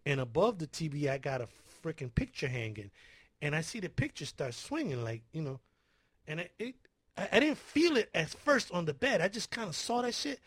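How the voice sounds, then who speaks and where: High, animated man telling a funny story. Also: brisk, husky, no room sound. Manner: animated, laughing, profane, acts out his own screams. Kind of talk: casual storytelling chat.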